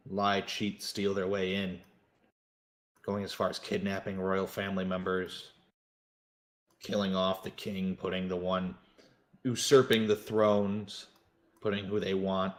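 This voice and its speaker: A grave informant, voiced by a man in a tabletop role-play, speaking in a low, level voice. He briefs the party steadily and stately, with little rise and fall, and pauses for weight. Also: little pitch movement. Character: grave male informant briefing adventurers on enemies.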